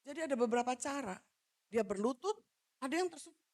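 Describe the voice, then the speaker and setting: A woman pastor from Manado giving a loud, animated sermon, joking with the congregation and moving about as she preaches. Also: sits high, fast. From Manado, Indonesia. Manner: jokes with the congregation. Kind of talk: lively sermon.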